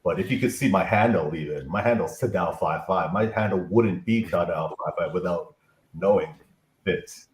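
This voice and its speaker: Casting: low-voiced man reminiscing, on a roomy remote line with faint hiss. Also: moderate pace. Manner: reminiscing, tells a story with warm praise. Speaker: guest. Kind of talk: casual chat.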